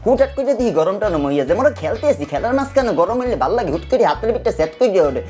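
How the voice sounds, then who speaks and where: High-voiced man in a comic Barishal dialect. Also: expressive, very fast, dark tone, faint music behind. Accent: Barishal dialect of Bengali, put on. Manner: rambling, playful folksy banter addressing "dadu". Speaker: gaming segment presenter. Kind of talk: comic dialect gaming review.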